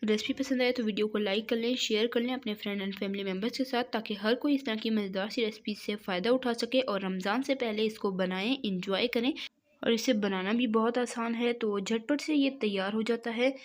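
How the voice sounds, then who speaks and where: A woman's voice: on the high side, normal speed. A woman with a Pakistani Urdu accent, hosting a cooking channel and narrating a recipe step by step in a friendly, instructive way, repeating each measurement.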